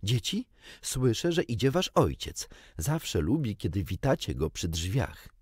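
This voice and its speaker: A man's voice: lowish voice, very animated, breathy edge, no room sound, clean studio sound, exaggerated voice. A man voicing a young girl who plays mother, scolding and fussing over the children. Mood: fussy. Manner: fussy, scolding, brisk. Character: motherly girl playing house.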